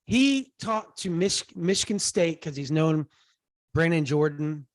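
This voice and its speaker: Man, congested, sinus-infection voice, rambling with lots of fillers, casual podcast co-host, fairly high voice, dry close sound. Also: unhurried, no room sound. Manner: rambling, excitable, many fillers. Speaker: co-host, recruiting reporter. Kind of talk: casual sports podcast chat.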